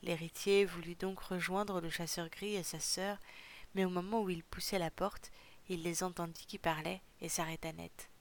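A woman narrating a storybook chapter with measured, steady storytelling. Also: on the low side. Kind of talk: audiobook narration.

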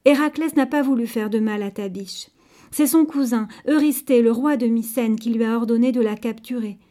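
A woman's voice: a little high, moderate pace, warm tone, natural voice. A woman voicing a clever, bold young man who pleads earnestly and persuasively.

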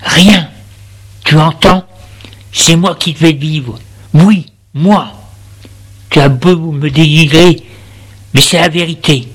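A man's voice: on the high side, takes it slowly, long pauses, slightly rough. A man voicing a furious, domineering middle-aged father who scolds harshly and with contempt.

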